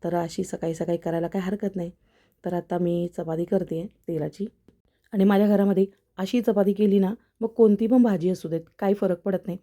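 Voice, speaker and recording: A woman's voice: fairly low pitch, fairly even intonation, normal speed, dark tone. A middle-aged woman, talking casually to viewers in a homely cooking vlog. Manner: chatty, homely, addresses viewers directly. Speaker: vlogger, mother.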